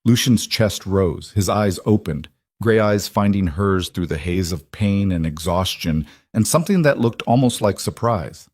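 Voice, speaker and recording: A man narrating a scripted audiobook romance story in a measured, dramatic storytelling manner. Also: sits low, expressive, a little mellow, dry recording, studio quality.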